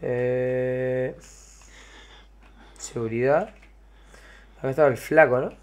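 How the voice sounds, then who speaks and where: A man's voice: medium pitch, fairly even intonation, takes it slowly. A man with an Argentine accent giving horror gameplay commentary, jumpy, swearing constantly and screaming when frightened. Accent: Argentine Spanish. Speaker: let's play gamer.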